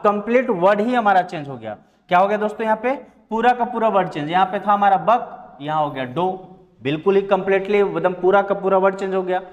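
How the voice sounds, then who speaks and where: A man's voice: high-pitched, big-room sound. A man teaching English grammar, addressing viewers as friends and spelling words out letter by letter. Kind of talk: classroom-style lesson explanation.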